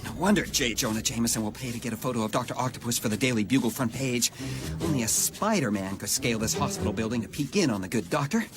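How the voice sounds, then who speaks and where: A man's voice: mid-range voice, expressive, fast talker, lightly acted. A young man acting a cocky, breezy, wisecracking superhero in a radio drama. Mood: wry, determined. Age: young adult. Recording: loud music under the voice.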